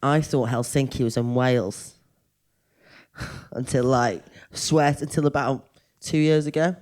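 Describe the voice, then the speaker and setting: Her voice is a rumbling low, and she keeps a measured pace as she rambles animatedly on a podcast. She's a comedian guest, chatting casually and making fun of herself.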